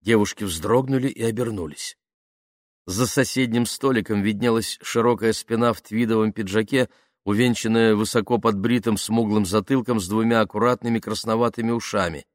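A man narrating an audiobook in a calm, even storytelling manner. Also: on the low side, normal speed, no echo, clean studio sound. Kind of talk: scripted narration.

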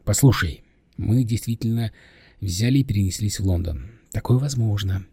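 A man's voice: medium pitch, expressive, normal speed, mellow, slightly rough, no echo, studio quality. A man voicing a curt, impatient young man who gives orders, in an audiobook. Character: irritable, commanding young man.

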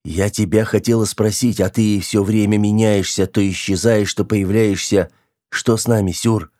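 A man's voice: on the low side, fairly even intonation, moderate pace, a little mellow, close to an everyday voice. A man reading an audiobook, voicing a panicked young woman stuck in a man's body, tearful, pleading and close to hysteria. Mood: panicky pleading.

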